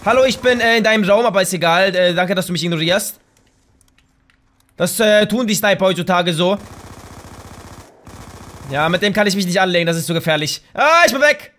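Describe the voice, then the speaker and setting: A young man with a German accent giving excitable live commentary over a shooter game, trash-talking opponents and breaking into shouts. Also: high-pitched, brisk, pauses often. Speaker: gaming YouTuber.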